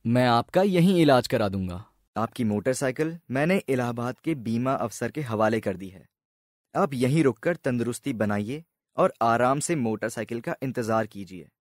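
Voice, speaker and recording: A calm, smiling village man, as a man voices him in a storybook tale, explaining things at a patient pace. His voice is mid-pitched for a man and sounds plain and everyday. The recording is dry and close. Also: moderate pace, dry recording, natural voice. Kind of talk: storybook voice acting.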